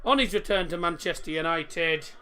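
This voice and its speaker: Higher-voiced man who says w for r. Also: expressive, moderate pace, fairly bright tone. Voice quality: cannot pronounce R's, says w for r. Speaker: football watchalong streamer, Manchester United fan. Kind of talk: live fan commentary and chat to stream viewers.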